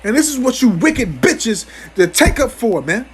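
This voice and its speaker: Man, high husky voice, heated profane scripture teacher, stammering restarts, "man" after every phrase. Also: sing-song, normal speed. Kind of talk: angry scripture commentary.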